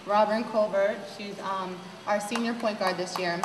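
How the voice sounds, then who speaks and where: A woman's voice: medium pitch, steady tone, moderate pace. A woman basketball coach giving an upbeat address to fans, speaking directly to the crowd. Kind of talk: address to fans at a team event. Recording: echoey hall from far off, faint hiss.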